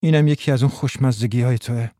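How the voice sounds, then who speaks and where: A man voicing a cold, scheming middle-aged wife who speaks quietly and calmly in a radio drama. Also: mid-range voice, no room sound, clean studio sound, natural voice. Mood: cool, teasing. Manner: quiet, calm and controlled.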